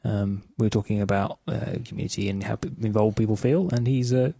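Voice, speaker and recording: A man hosts a casual tech podcast in a low, slightly husky voice. He is wry and teasing, and often restarts his sentences as he thinks aloud. The sound is dry and close. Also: fairly even intonation, a little fast, mellow, no room sound. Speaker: podcast host.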